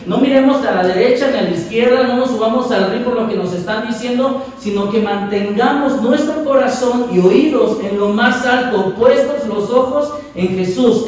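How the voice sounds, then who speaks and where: A man's voice: sits high, a little mellow, very echoey, recorded from a distance, poor audio. A male pastor preaching a sermon, emphatic and repeating key phrases for the congregation. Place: large church hall.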